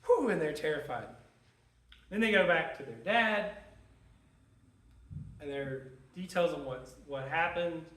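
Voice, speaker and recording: An animated man teaches a Sunday school class, stopping often to put questions to his listeners. His voice is high and bright, with lively, wide swings in pitch. He sits some way from the mic, and the room around him echoes. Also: measured pace, pauses often, recorded from a distance.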